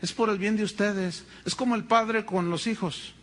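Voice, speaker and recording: A man's voice: high-pitched, normal speed. A man preaching a sermon as pastor, telling stories with humor and acting out other people's voices. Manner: animated storytelling with humor and acted-out voices.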